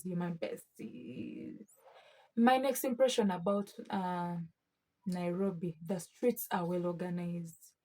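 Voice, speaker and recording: A woman's voice: mid-range voice, slightly rough, rough recording. A young adult woman with a Ugandan East African English accent, chatting casually and emphatically to her viewers in a vlog. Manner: emphatic, expressive, often addressing listeners as friends. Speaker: vlogger.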